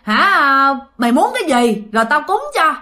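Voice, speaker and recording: A woman's voice: high-pitched, big pitch swings, moderate pace, pushed and bright, heavily acted. A woman doing a scolding landlady. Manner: scolding, commanding. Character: stern middle-aged woman landlady exorcising a spirit.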